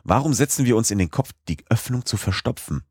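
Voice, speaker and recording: A man voicing an excitable older professor with a brisk, lecturing manner in an audiobook. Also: medium pitch, breathy edge, dry recording, clean studio sound, voice pushed up. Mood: eager. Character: excitable older male professor, eager and commanding. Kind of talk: audiobook character voice.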